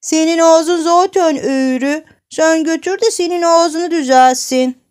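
A woman voicing a bratty little boy who brags and taunts in a high, childlike voice. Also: moderate pace, clean tone, natural voice. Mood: cheeky. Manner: taunting, bragging.

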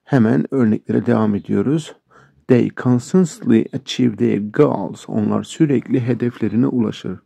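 A man teaching English sentences, explaining each one and repeating the examples slowly. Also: medium pitch, vocal fry, dark tone, breathy edge, dry recording. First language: Turkish. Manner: explains sentences line by line, addresses viewers as friends. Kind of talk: language lesson.

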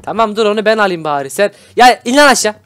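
A man hosting a Minecraft role-play, excitable, scolding and shouting at his characters between laughs. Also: high-pitched, fast, slight background noise. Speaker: YouTube gaming host.

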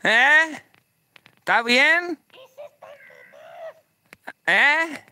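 A man with a Mexican Spanish accent hosting a livestream. He is profane and taunting, shouting jeers at someone and then dropping to low asides for his viewers. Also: expressive, extremely slow, slight background noise. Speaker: livestream host. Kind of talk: livestream vlog.

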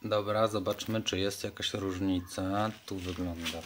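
A middle-aged man casually explaining his car repair work in a home garage, matter-of-fact and relaxed. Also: low-pitched, unhurried. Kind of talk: casual workshop vlog narration.

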